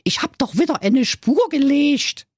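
A man voicing a cheeky, clueless little boy with a very high, squeaky, brash voice in a comic fairy tale. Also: animated, unhurried, dry recording, studio quality. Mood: cocky. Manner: brash, silly, insulting.

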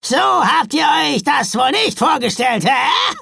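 A woman voicing a gang of loud, cheeky young troll brothers in a storybook reading, pitching her voice high and shouting. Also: lively intonation, unhurried, creaky, no echo, clean studio sound, heavily acted. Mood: rowdy.

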